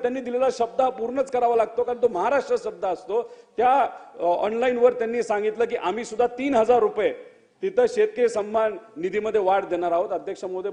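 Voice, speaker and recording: A man's voice: high-pitched, dark tone. A male legislator giving an earnest floor speech, pleading with the chair again and again. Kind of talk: assembly speech. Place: state legislative assembly chamber. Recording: long reverb of a large assembly hall.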